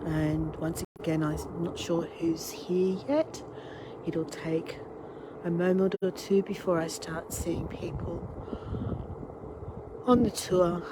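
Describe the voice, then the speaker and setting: Slow, with long pauses, her lowish voice stays steady. She's a middle-aged Australian online tour and cooking class host with a cold that's taking her voice, casually chatting through a live cooking stream and greeting each viewer who joins. The device camera records wind and ambient noise on the outdoor deck before she moves to her home kitchen.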